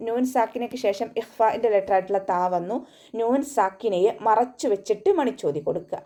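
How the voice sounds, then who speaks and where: A woman's voice: mid-range voice, mellow. Woman teaching Quran recitation rules. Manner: patient step-by-step instruction, slow melodic Arabic recitation between explanations. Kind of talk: online tajweed lesson.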